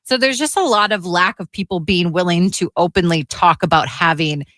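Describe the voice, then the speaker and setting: Lower-voiced woman co-host, close dry sound. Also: normal speed, fairly bright tone, no echo. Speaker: radio show co-host. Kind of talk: casual panel discussion.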